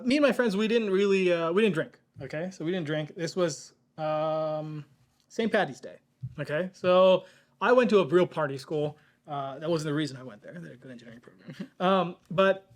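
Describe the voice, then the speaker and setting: A high-voiced young man hosting a relaxed podcast, telling stories with lots of jokes and energy. His talk is casual and lively, with plenty of asides to his friends. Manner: animated, joking, tells stories with put-on voices. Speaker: podcast host. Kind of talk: casual chat, storytelling.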